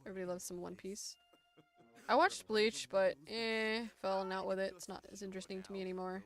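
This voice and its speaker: Brief: young woman artist, stuffy nose, casual playful livestream Q&A, desk mic, quiet music bed. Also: mid-range voice, flat delivery, fairly quick. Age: 20s. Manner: chatty, playful, self-mocking. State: congested. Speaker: artist streaming a Q&A. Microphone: desktop mic.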